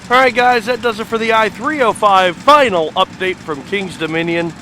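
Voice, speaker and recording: A man's voice: sits high, moderate pace, bright, forceful tone, a little hiss or hum. Enthusiastic man on an outdoor site tour. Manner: enthusiastic, rambling with fillers. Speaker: fan site video host. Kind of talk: casual walking site tour.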